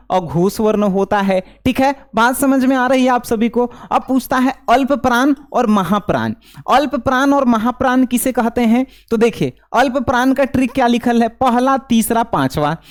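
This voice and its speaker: A young man teaches an exam-prep grammar class. He repeats each rule and keeps asking the students if they understood. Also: very high-pitched.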